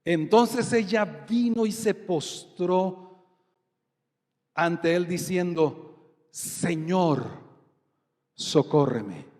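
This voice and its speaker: A man's voice: sits high, extremely slow, long pauses, a little mellow. A man with a Colombian accent preaching a sermon as pastor, often putting questions to the congregation. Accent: Colombian Spanish. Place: church hall. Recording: long hall reverb.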